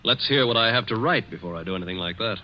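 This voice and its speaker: A man's voice: lowish voice, animated, quick pace, lightly acted. An actor playing a firm, guarded, desperate young man in a 1940s radio drama. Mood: defiant. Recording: dull old radio broadcast, faint hiss.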